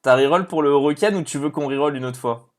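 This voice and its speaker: Excitable French-speaking man streaming live. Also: a little high, fast. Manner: excitable, animated, talks to viewers by name. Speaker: streamer running a live draw. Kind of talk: casual live-stream chat.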